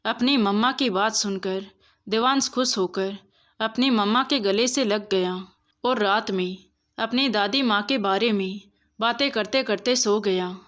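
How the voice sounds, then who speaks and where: A woman storyteller giving steady, expressive scripted narration of a moral story. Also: mid-range voice, measured pace.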